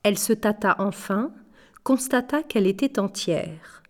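Slow, measured woman reading a story. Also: medium pitch, expressive. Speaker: audiobook narrator. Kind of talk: scripted narration of a novel.

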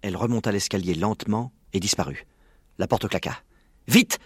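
Man reading a storybook, low, slightly husky, dry close sound. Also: brisk, dry recording. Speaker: narrator.

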